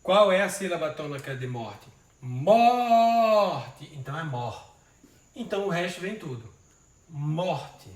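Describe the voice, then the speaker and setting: A man's voice: a little high, lively intonation, normal speed. A male literature teacher giving an informal poetry lesson, patiently splitting verses into syllables and counting them aloud. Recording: roomy sound, mic at a distance, faint noise.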